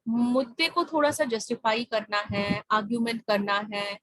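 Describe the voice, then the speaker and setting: A woman's voice: fairly high pitch, a bit bright, no echo, low-quality recording. A woman with an Indian accent tutoring over a video call, mixing Hindi and English and often checking that her student has understood. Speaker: IELTS speaking tutor.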